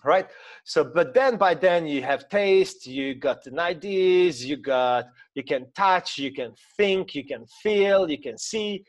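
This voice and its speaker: A man's voice: on the high side, animated, takes it slowly. Hungarian-accented man coaching with many fillers. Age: 30s. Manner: hesitant, many fillers and restarts, non-native grammar. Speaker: mindset coach. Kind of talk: informal talk to camera with screen-share explanation.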